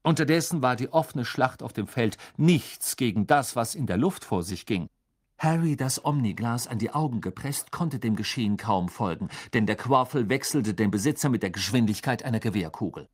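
A man narrating an audiobook in a lively, expressive reading style. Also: medium pitch, normal speed. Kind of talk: scripted narration.

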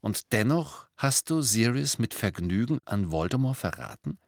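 A man's voice: medium pitch, very animated, moderate pace, no room sound, clean studio sound. A man voicing an insistent teenage boy wizard. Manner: insistent, urgent. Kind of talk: audiobook character voicing.

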